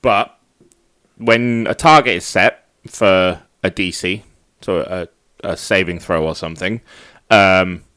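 Game master, male, somewhat low voice, casual and informal, explaining rules to the group. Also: slow pace, sharp tone, clear, resonant tone.

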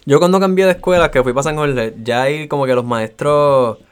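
A young man with a Puerto Rican accent chats casually as a podcast co-host. His voice is a little high for a man. He stays relaxed and mostly chimes in with short, easygoing replies. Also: fairly quick, smooth. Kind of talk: casual chat.

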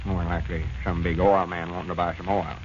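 A man's voice: low-pitched, little pitch movement, fairly quick, natural voice. An actor playing a self-assured older Southern country businessman who explains things in a folksy way in a 1930s radio comedy. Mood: explaining. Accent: rural Southern US. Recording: muffled, noisy 1930s radio recording.

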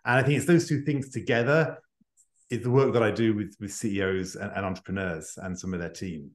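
An executive coach and author joins a podcast as a guest for a conversational interview over a remote video call. His lowish voice is brisk, and the indoor room he's in sounds echoey.

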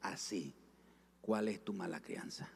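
A man voicing a calm divine inner voice that quietly rebukes him with low, soft questions. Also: slow pace, creaky, breathy edge, full character voice. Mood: gently rebuking.

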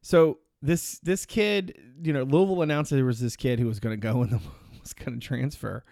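A man's voice: mid-range voice, moderate pace, creaky, darkish tone, no room sound, studio quality. A man hosting a podcast, talking naturally and informally without a script, with a joking manner. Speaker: podcast host. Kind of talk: natural unscripted talk.

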